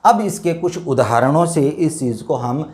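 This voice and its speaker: A man teaching a Hindi grammar lesson, explaining step by step, repeating words slowly and addressing his viewers as dear children. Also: fairly high pitch, a little mellow. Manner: slow, repetitive explanation with drawn-out words. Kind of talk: classroom lesson.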